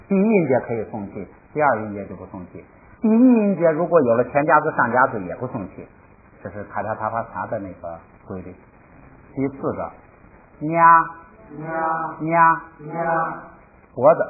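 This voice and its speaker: A man teaching a language lesson in a casual, unscripted way, thinking aloud with many fillers and repeating words slowly for students to follow. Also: medium pitch. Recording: tinny phone-like audio with faint hiss.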